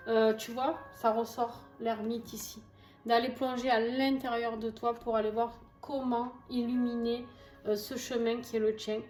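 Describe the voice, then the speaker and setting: A woman's voice: fairly high pitch, flat delivery, unhurried, a little mellow. Southern French woman reading tarot. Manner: chatty, reassuring, frequent fillers and asides. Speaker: tarot reader. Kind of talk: casual tarot reading to camera. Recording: echoey room with faint music.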